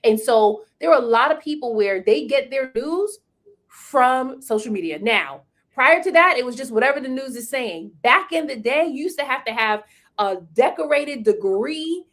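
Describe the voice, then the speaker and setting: A woman with a slightly high voice co-hosts a casual conversation. She talks quickly and with enthusiasm and breaks into laughter easily. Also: animated, a bit bright.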